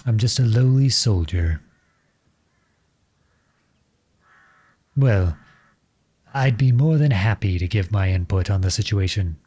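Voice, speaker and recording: In a roleplay audio drama, a man voices an outlawed young prince serving as a lowly soldier. His dark, husky voice has lively intonation, and he speaks formally, measured, courteous and earnest, with a polite, wry mood.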